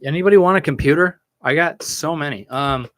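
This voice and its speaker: Here the young American host sounds fairly high-pitched and talks a little fast as he answers chat on his podcast livestream. His banter is crude and joking, with plenty of swearing. A studio mic on a stand in a small room gives clean, studio-quality sound without echo.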